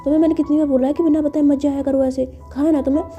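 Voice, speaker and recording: A woman plays a young woman in love, coaxing and playful, pleading with soft questions. The voice sits high and dark in tone, spoken quickly and with little rise and fall. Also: level tone, faint music behind.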